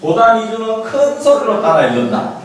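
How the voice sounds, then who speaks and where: A middle-aged man gives parents an informal lecture on study methods in a small, very echoey classroom. His voice sits a little high and swings widely in pitch as he talks a little fast, animated and emphatic, tossing rhetorical questions at his listeners. He's using a handheld mic, but a distant camera records him, so there's background noise too.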